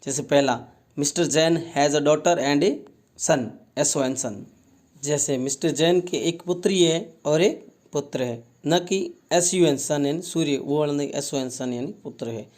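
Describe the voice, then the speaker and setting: Indian man, English teacher, lesson, slightly high voice, slow deliberate reading, asks and answers his own questions. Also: a little mellow. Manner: reads English lines slowly, then explains in quick Hindi with repeated questions. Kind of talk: bilingual classroom lesson, explaining and translating.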